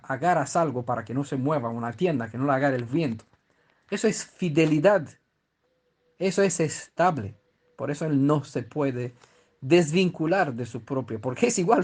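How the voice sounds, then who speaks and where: Man from teaching scripture. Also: on the high side. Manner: conversational, often checks in with listeners. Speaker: Bible teacher.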